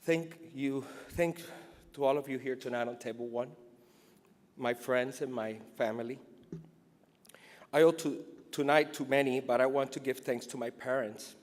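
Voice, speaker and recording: A man's voice: medium pitch, steady tone, normal speed. Emotional middle-aged man speaking in a reverberant hall. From Cuba. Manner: emotional, earnest. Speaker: award recipient. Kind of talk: acceptance speech, partly read from notes. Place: large indoor hall at an awards event. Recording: echoey hall with long reverb.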